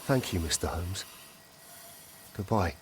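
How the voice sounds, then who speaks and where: Remorseful game father, slightly low voice, hushed, subdued, faint background ambience. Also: animated, slow, background noise. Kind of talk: video game drama acting.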